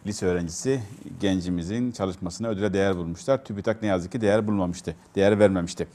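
A man discussing local news in a TV studio, pausing often to search for words. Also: low-pitched, mellow. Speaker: local TV commentator. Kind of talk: casual studio chat.

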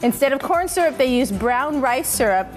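High-voiced American morning TV presenter, female. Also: expressive, normal speed, soft background music. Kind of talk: upbeat product segment presenting. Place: TV studio.

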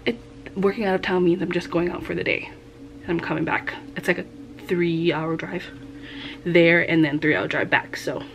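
A young woman in a casual vlog, talking quietly and half-whispering as she shows things in her kitchen. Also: fairly low pitch, fairly even intonation, normal speed, vocal fry, a little hiss or hum. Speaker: vlogger. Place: home kitchen, indoors. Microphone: camera on the counter.

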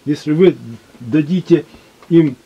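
A man speaking in casual conversation, measured and reflective. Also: fairly high pitch, muffled recording, background noise. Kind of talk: casual chat.

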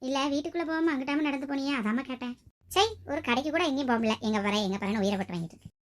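A woman's voice: high voice, racing, close to an everyday voice. A woman voicing a nagging, self-pitying middle-aged mother-in-law who grumbles to herself. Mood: grumbling.

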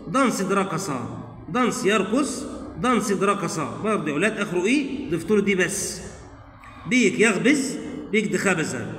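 A man's voice: high voice, fairly bright tone, roomy sound, in a large hall. A man teaching an English grammar lesson in Egyptian Arabic, repeating each word pair twice and talking straight to his pupils. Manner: keeps addressing the pupils directly. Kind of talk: classroom-style grammar lesson.

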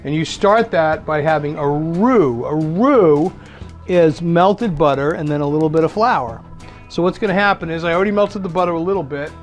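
A middle-aged man with a Massachusetts accent talks through a recipe step by step, chatty and easygoing. His voice sits high for a man. Clear music plays underneath him the whole time. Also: moderate pace. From Massachusetts, USA. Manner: chatty, explains steps as he cooks, laughs at himself. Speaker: host cooking for dinner guests. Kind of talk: casual cooking demonstration. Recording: music playing behind the voice.

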